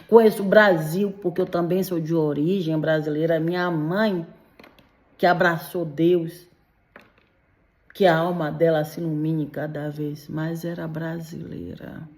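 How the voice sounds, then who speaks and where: A middle-aged woman from Belgium speaks slowly in a low, slightly mellow voice. As a vlogger warning Brazilian migrants, she delivers a direct-to-audience opinion monologue, emphatic and admonishing, with frequent tag questions.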